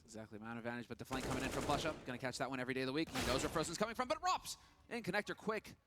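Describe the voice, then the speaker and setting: A man's voice: mid-range voice, lively intonation, racing, heavy background noise. A man working as an esports caster, giving urgent, running play-by-play commentary on a live match. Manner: running, urgent narration of the action.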